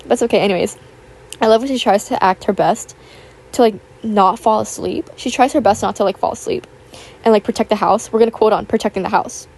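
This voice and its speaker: Raspy from just waking up, a young YouTuber rambles chattily through a casual voiceover, full of fillers. Her mid-range, darkish voice moves a little fast, recorded at home on a built-in tablet mic with household noise around her.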